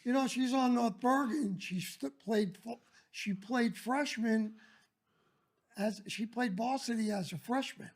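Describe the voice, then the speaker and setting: An older man with a raspy, creaky voice, reminiscing casually as a guest and often restarting his phrases in a halting way. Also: very high-pitched. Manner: halting, repeats phrase starts.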